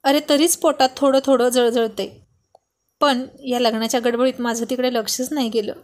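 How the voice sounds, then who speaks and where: A woman's voice: fairly high pitch, fairly even intonation, moderate pace, close to an everyday voice. A woman voicing a cheerful, practical young wife with a light, teasing way of talking. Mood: explaining.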